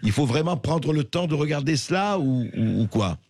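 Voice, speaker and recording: A man's voice: a little high, lively intonation, moderate pace, a little mellow, no room sound. A man hosting a live radio interview, talking conversationally and often chiming in with short acknowledgments. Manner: conversational, frequent brief acknowledgments. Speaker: radio host. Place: radio studio. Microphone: studio microphone.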